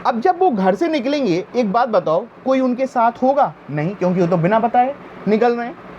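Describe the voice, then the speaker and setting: A man with a high voice gives an exam-prep history lecture. He quizzes the class and answers his own questions, and he keeps reminding them to pay attention. The recording is dull and lo-fi, with faint noise underneath. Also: lively intonation, moderate pace, darkish tone. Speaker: teacher.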